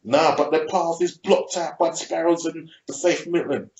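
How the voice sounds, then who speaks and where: A man with a South London accent, hosting a casual TV review and retelling scenes in an animated, sweary, slang-heavy way. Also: a little high, normal speed, slight background noise. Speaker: TV review show host. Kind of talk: casual TV recap chat. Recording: roomy dull lo-fi room sound.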